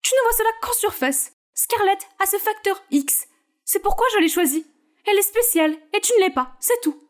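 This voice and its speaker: Woman narrator puts on a bossy storybook mother: curt and cold, pitched high. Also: expressive, normal speed. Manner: curt and commanding.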